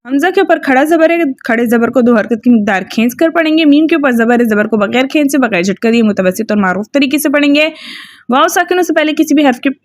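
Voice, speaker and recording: A woman's voice: high-pitched, animated, fast talker, no room sound, clean studio sound. A woman teaching Quran recitation rules step by step, often checking in with her listeners. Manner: explains rules step by step, often asks "ठीक है?". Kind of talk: tajweed lesson with recited examples.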